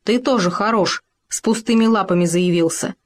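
A woman's voice: mid-range voice, moderate pace, lightly acted. A woman doing a whiny, grumbling male hamster. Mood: indignant. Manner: plaintive, indignant shouting.

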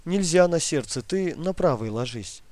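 A male reader voices a gentle young grandson comforting his grandmother. He speaks a little higher and brighter than the narration, in a soothing, concerned tone. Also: lively intonation, normal speed, no echo, natural voice. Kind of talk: audiobook reading.

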